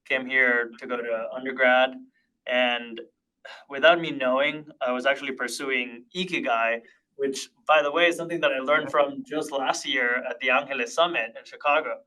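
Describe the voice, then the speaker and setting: Bright-voiced Honduran-born man, reflective. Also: medium pitch, steady tone, moderate pace, poor audio. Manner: reflective, many fillers and restarts. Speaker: podcast guest, tech partnerships leader. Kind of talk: casual interview chat.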